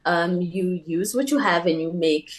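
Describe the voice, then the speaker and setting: Woman, young adult, from Ethiopia, low-pitched, reflective, halting, panel conversation. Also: low-quality recording. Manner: reflective, halting with many fillers. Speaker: panel guest.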